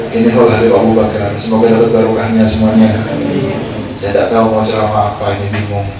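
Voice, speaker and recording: A man preaching a sermon to a gathered crowd, urging them on and checking that they understand. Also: fairly low pitch. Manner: exhorting, asks the crowd "paham ya?". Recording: very echoey, far from the mic, with noise.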